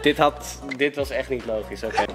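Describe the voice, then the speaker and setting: A young man hosting a casual vlog in slangy, excitable chat, speaking into a handheld camera. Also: fairly high pitch, moderate pace, over loud music. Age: young adult. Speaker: vlogger hosting a hide-and-seek game. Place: inside a closed cinema. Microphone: handheld camera at arm's length.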